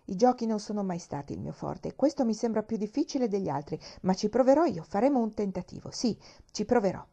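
A doubtful, sharp-tongued housemaid, as a woman reader puts her on. She grumbles and sounds sarcastic in a mellow, warm voice. The recording is dull and lo-fi. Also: mid-range voice, a little fast, lightly acted. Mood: grudging.

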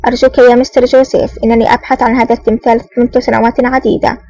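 A woman's voice: a little high, little pitch movement, very fast, warm tone. A woman reading a scheming male secret agent who feigns anger in an audiobook. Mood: mock-pleading. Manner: curt, mock-angry. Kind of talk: audiobook narration.

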